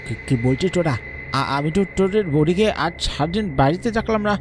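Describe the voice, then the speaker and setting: Over background music and slight noise, a man with a slightly high, expressive voice talks a little fast while voicing several terrified village men for a horror cartoon. He stammers a lot and sounds afraid.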